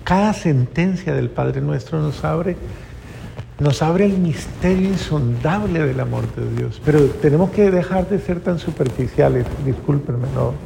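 Male priest, earnest and emotional sermon, gravelly tone, heard with a long echo. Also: a little high, a little slow, mellow. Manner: earnest, emotional, repeats phrases for emphasis. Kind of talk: sermon with a personal story. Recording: long reverb, faint background noise.

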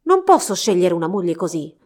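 A woman's voice: lowish voice, very animated, brisk, a little mellow. Woman doing an eager young prince. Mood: frustrated. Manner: eager, earnest. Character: young prince, twenty-one, impulsive and earnest. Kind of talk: storybook reading.

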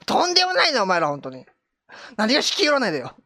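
Joking, lively-voiced woman streamer. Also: fairly high pitch, fast, dry recording, studio quality. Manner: joking, self-mocking, reacting to chat. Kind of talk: casual live chat.

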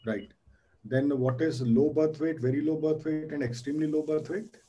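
Male quizmaster, North Indian accent, soft dark tone with a rough husky edge, informal revision session. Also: on the high side, fairly even intonation, moderate pace, muffled recording. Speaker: quizmaster teacher. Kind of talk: informal oral quiz revision.

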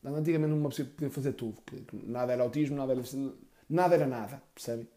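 A man doing stand-up storytelling, crude and rambling with deadpan asides. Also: mid-range voice, racing. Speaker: comedian.

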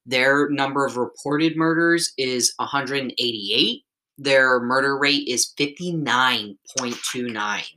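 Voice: medium pitch, measured pace, sharp tone, rough recording. A podcast host presenting a top ten countdown in a conversational way, reading out figures and adding chatty asides. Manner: reads figures out, then adds chatty asides with tag questions.

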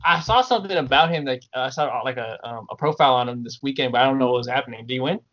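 Young American frat-bro podcast host, lo-fi sound. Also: male voice, medium pitch, rapid-fire, a bit bright. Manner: frat-bro slang, swearing. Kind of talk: casual podcast banter. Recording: dull lo-fi audio.

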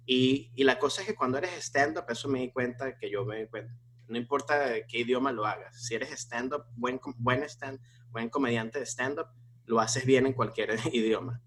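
A man's voice: mid-range voice, moderate pace, slight background noise. A man, a stand-up comedian, talking casually with lots of restarts and fillers. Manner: animated, many restarts and fillers. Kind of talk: casual conversation.

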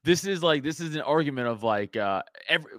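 A man in casual podcast chat, talking bluntly and cursing a lot. His voice is bright and tense, and the recording is dry with no room sound. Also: fairly high pitch, animated, fast talker, no room sound. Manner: profane, blunt, laughs often. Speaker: guest comedian.

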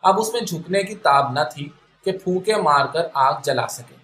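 Man reading a story in an echoey room. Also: on the high side. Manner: steady literary reading. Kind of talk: scripted story narration.

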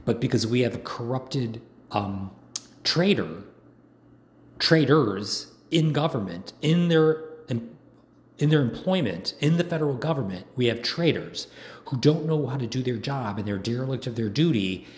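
Man, hoarse, rambling indignant monologue, mid-pitched, echoey room, faint background noise. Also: expressive, moderate pace. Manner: rambling, indignant ranting with many fillers. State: hoarse from long talking. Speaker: political commentator. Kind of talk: casual monologue.

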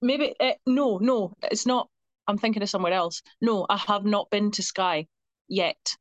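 A young Scottish woman chatting as a podcast guest, telling stories in an animated way and laughing often. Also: medium pitch, moderate pace, dry recording, highs cut off. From Scotland. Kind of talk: casual chat.

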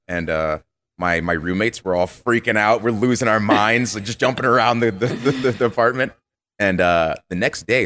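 Deep-voiced man telling stories. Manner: animated, acts out quoted voices. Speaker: podcast guest. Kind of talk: casual storytelling interview.

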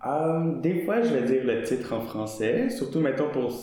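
A young man with a Québécois French accent talks in a relaxed, halting way, full of fillers and self-corrections. His voice sits at a middle pitch. It sounds very roomy and echoey. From Quebec. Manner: hesitant, full of fillers and restarts. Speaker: interviewee. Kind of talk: casual interview. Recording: very echoey room.

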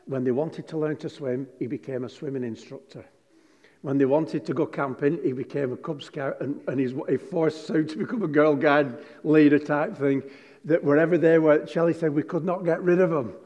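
With a slightly high, somewhat mellow voice at a moderate, steady pace, a male pastor delivers a sermon in a big hall full of congregants. He spins jokey, conversational stories and reads scripture with emphasis. The recording is muffled and carries long hall reverb.

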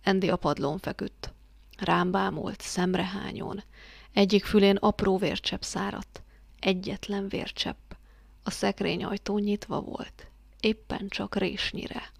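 A woman voicing a haunted, guilt-ridden father confessing in a flat, hollow tone that breaks into agitation. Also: mid-range voice, gravelly, husky, no echo.

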